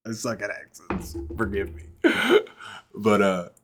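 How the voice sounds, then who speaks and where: A man's voice: lowish voice, wildly swooping pitch, slow, slight background noise. Profane, rambling young man storytelling. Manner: profane, rambling, self-interrupting. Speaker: vlogger and rapper. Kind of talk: casual personal storytelling to camera.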